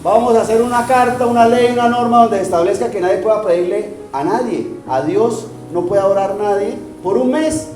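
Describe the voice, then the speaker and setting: Sly flattering court officials, as a preacher puts them on. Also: male voice, high voice, moderate pace, few pauses, recorded from a distance, slight background noise, lightly acted. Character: scheming male royal officials, sly and flattering. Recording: roomy church hall with faint music.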